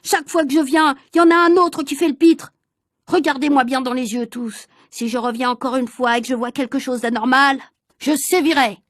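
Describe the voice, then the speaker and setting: A woman's voice: sits high, fairly even intonation, fairly quick, dry recording, clean studio sound. A woman reading the part of a stern, short-tempered male school supervisor in a storybook, scolding in a raised voice. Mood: exasperated.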